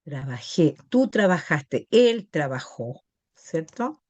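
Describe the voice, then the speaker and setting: Slow-talking Chilean woman teacher. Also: deep voice, big pitch swings, a little mellow, no echo. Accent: Chilean Spanish. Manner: patient, checks understanding with tag questions. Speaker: English teacher. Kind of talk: classroom lesson explaining grammar.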